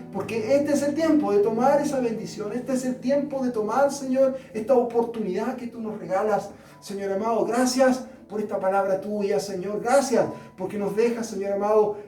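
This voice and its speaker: A man's voice: sits high, warm tone. A man leading a fervent church prayer, pleading and repeating the name of the Lord between phrases. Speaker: pastor. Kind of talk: fervent prayer over soft guitar. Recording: echoey room, distant mic, guitar behind.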